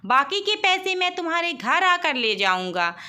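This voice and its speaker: A woman's voice: very high-pitched, very animated, bright, forceful tone, heavily acted. A woman doing a pushy samosa seller man. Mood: insistent. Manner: brisk, insistent.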